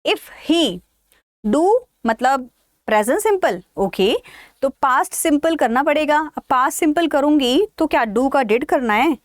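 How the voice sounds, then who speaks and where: High-voiced Indian woman teaching grammar. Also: unhurried, no echo, studio quality. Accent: Indian English. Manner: lively, asks and answers her own questions. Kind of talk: online grammar lesson.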